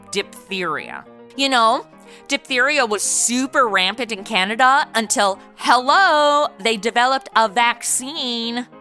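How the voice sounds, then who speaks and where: The lead of a comedy audio drama, a woman plays a brash, snarky American party girl with a bright, very animated, fairly high voice. She banters and narrates boozily while music plays faintly behind her.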